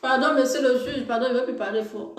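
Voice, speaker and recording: Against a noisy background in a reverberant space, a woman with a high-sitting voice mocks a clip at a fairly quick pace. She's a video commentator whose reaction is teasing and scolding, broken up by laughter.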